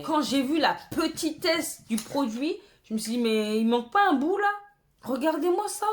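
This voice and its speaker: A woman beauty vlogger in casual haul chat, chatty and expressive, with exclamatory asides as she shows her purchases. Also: on the high side.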